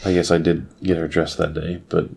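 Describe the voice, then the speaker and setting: A man co-hosting a casual family podcast as a father, with dry, low-key humor. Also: level tone, brisk, gravelly, a little mellow, husky.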